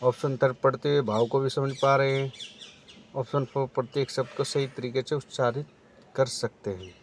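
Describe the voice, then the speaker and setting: A man's voice: mid-range voice, steady tone, moderate pace, slight background noise. A man teaching exam preparation, reading out multiple-choice options and then explaining the right answer.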